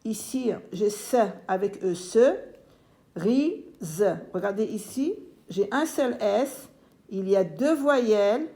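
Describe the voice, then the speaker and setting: A woman teaching young children to read, slowly and deliberately repeating each syllable and word, gently firm with her pupils. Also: mid-range voice. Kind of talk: phonics lesson for young children.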